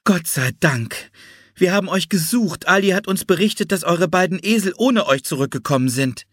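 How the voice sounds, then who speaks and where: A man voicing a kind, motherly nurse in an audiobook, gentle and soothing. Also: sits high, lively intonation, moderate pace, dry recording, clean studio sound, voice pushed up. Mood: caring. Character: kind, motherly nurse woman, calm and caring. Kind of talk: audiobook character voice.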